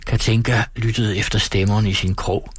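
A man reading a novel aloud as an audiobook narrator, calm and steady. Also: lowish voice, husky, dry recording. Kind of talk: scripted narration.

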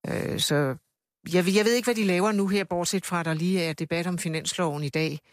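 A woman's voice: on the low side, no room sound. Woman, panel guest, explanatory, thoughtful, dry close sound. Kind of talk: panel discussion.

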